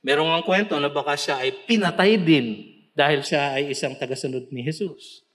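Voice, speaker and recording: High, bright-voiced Filipino preacher. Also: male voice, moderate pace. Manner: preaching in Tagalog mixed with English scripture, rising to shouts. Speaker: pastor. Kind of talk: sermon. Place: church.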